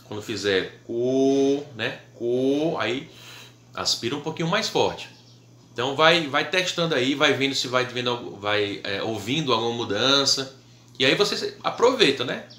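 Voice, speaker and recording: A Brazilian man gives a relaxed harmonica lesson with a bright, forceful tone. He moves at an easy pace and keeps checking in with short tags. The room around him has a noticeable echo. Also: medium pitch, normal speed. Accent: Brazilian Portuguese. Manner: patient, checks in with "tá?" and "né?" often. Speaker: harmonica teacher. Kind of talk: casual video lesson.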